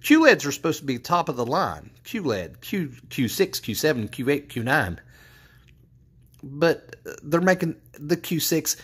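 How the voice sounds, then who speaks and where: A man's voice: fairly high pitch, sing-song, a little slow, fairly bright tone, husky. Frustrated rambling man in a casual vlog. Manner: rambling, frustrated, many fillers and restarts. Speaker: TV tech YouTuber.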